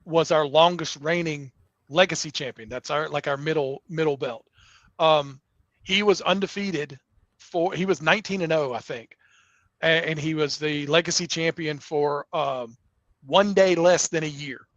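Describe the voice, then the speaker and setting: A man's voice: on the high side, moderate pace, a bit bright, no echo, dull audio. A middle-aged man, a wrestling promoter, talking earnestly in a casual interview, often restarting his sentences. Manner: earnest, rambling with many restarts.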